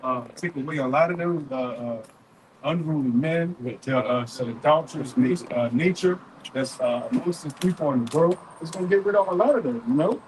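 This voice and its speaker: A man's voice: on the high side, moderate pace, darkish tone, poor audio. A man in a casual group discussion as a street preacher outdoors, slangy, repeating himself as he goes. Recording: faint outdoor street noise.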